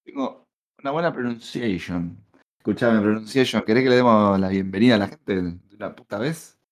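A man with a Rioplatense accent talks in a lowish voice, teasing his co-host and cursing freely. The tone is loose, casual podcast banter. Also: normal speed. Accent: Rioplatense Spanish. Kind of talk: casual chat.

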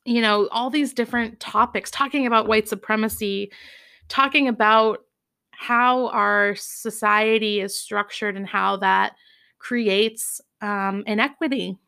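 A woman's voice: medium pitch, fairly even intonation, a little slow, creaky, sharp tone, smooth. A young adult woman hosting a reflective solo podcast from home, speaking candidly with frequent laughs and fillers. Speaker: podcast host. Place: home, studio apartment.

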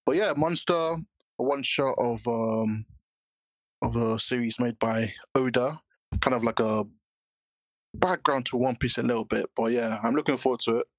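A man's voice: mid-range voice, moderate pace, no room sound. A male podcast co-host talks. His delivery is informal and slangy, recorded very dry without room sound. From Britain. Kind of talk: casual podcast chat.

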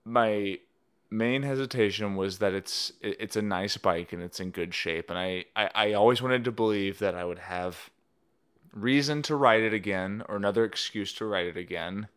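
Dry, rambling man with a lowish voice. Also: normal speed, a bit bright, smooth. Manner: dry, self-deprecating and rambling. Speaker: podcast co-host. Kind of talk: casual banter with his wife.

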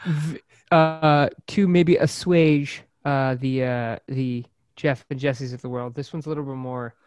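A man's voice: medium pitch, steady tone, measured pace, a little mellow, clear, resonant tone, no echo, clean studio sound. A man co-hosting a music podcast, teasing the others playfully and restarting his sentences in casual chat. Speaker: podcast co-host.

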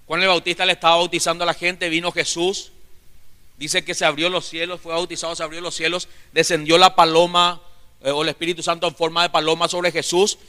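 A male pastor delivers a fervent sermon, calling out to his brothers and sisters with question after question. His voice is bright and forceful and sits a little high. It rings with the long reverb of a large church hall. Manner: preaching fervently, addressing listeners as brothers with rhetorical questions.

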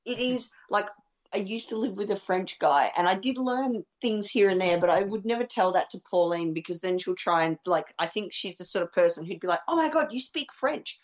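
Low-voiced woman rambling on a podcast. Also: fairly quick, lo-fi sound. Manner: rambling, with lots of fillers and swearing. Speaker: podcast co-host. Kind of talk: casual chat.

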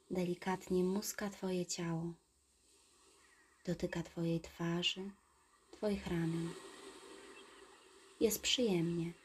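Woman meditation guide, soft whisper, very slow and lowish, faint hiss behind. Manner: slow, soothing, calm instructions.

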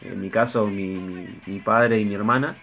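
A man's voice: fairly low pitch, fairly even intonation, normal speed. A man talking reflectively in a casual podcast chat. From Argentina. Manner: reflective, thoughtful. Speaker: podcast guest. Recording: dull lo-fi audio with faint music.

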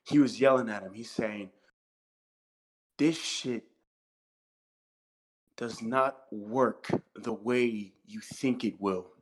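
A man's voice: lowish voice, takes it slowly, pauses often, poor audio. A man in his thirties with an American accent, co-hosting a podcast discussion, talking emphatically, repeating himself and swearing freely. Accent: American English. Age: 30s. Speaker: podcast co-host. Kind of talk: impassioned casual discussion.

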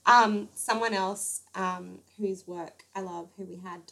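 A woman's voice: medium pitch, fairly even intonation, slow, creaky, a bit bright. A young woman with a Queensland Australian accent, co-hosting a podcast in casual, chatty talk with plenty of fillers and laughter. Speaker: podcast co-host. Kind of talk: casual chat.

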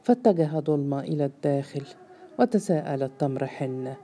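Low, dark-voiced woman narrating a novel. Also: animated. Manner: measured storytelling. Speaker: audiobook narrator.

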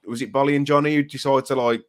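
A man's voice: medium pitch, quick pace. A man hosting a casual football podcast, swearing and stumbling over repeated words as he vents. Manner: swearing, exasperated, repeats words when excited. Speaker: podcast host.

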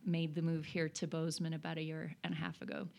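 A woman's voice: deep voice, flat delivery, fast talker, gravelly, a little mellow. A woman in her forties from Norway, a guest telling her career story in an interview, thoughtful with frequent fillers. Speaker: guest, consultant. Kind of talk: conversational interview.

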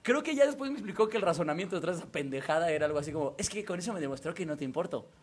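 Husky, lively Mexican man telling stories. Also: on the high side, very fast. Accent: Mexican Spanish. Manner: storytelling, slangy, laughs often. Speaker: co-host. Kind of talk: casual chat.

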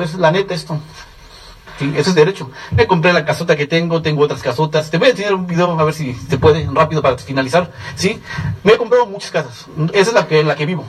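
A middle-aged Mexican man speaks to a seminar crowd in a slightly high, husky voice. He rattles through his story at a rapid pace and keeps checking in with the room. He sounds a little distant from the microphone. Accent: Mexican Spanish. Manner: rapid, animated storytelling with frequent "¿sí?" check-ins. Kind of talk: testimonial speech to an audience.

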